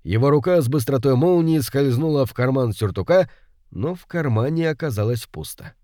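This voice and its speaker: Man narrating an audiobook, lively pitch. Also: normal speed, no echo, studio quality. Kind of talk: scripted narration of a detective story.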